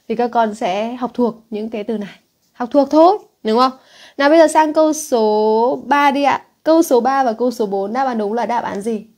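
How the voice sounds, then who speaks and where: A woman's voice: on the high side, mellow. A woman English teacher with a Northern Vietnamese accent, teaching an exam-prep lesson and reading English words aloud before explaining them, often asking students if they have followed.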